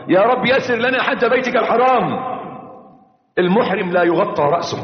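A male preacher giving an impassioned sermon, calling out to his listeners and chanting verses. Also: high-pitched. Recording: echoey hall, dull lo-fi sound.

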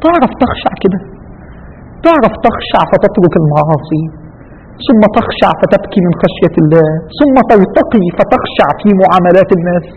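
Fervent high-voiced Egyptian preacher. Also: male voice, sing-song, a little fast, slight background noise. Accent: Egyptian Arabic. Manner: fervent, rhetorical questions, voice surging and dropping. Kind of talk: sermon. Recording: dull radio broadcast with long hall reverb.

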